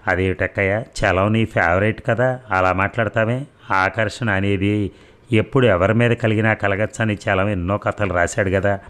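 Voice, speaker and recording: A man's voice: lowish voice, fairly even intonation, normal speed, fairly bright tone, natural voice. A man reading the lines of a pert, sulky young woman student in an audiobook story. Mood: self-assured. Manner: sulky, self-assured.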